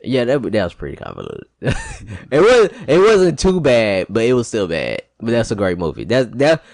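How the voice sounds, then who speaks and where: A man's voice: mid-range voice, huge pitch swings, normal speed, a little mellow, dry recording, clean studio sound. A man in his thirties co-hosting a casual podcast, who argues his points and retells movie plots with many restarts. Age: 30s. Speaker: podcast co-host. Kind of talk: casual chat.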